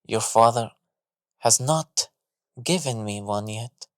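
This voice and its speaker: A man voicing a gentle, protective mechanical golem with a resonant voice. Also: mid-range voice, slow, no room sound, clean studio sound, natural voice. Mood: tender.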